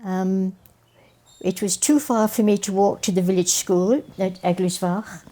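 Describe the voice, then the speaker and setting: Reminiscing as an interview guest, this older educator from Wales, a native Welsh speaker, has a mellow, mid-range voice with a steady tone and measured pace. She tells stories warmly and repeats phrases to stress them.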